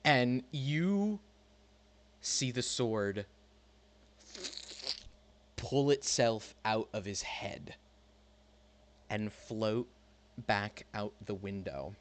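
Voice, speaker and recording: A man narrating a tabletop role-playing game as game master, halting and suspenseful. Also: lowish voice, a little hiss or hum.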